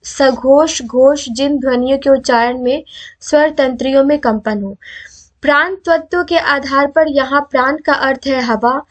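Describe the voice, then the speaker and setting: A young woman teaching Hindi grammar for exams. She asks questions and answers them herself, and sounds out letters slowly so students can repeat them. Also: sits high, lo-fi sound. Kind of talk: exam-prep video lesson.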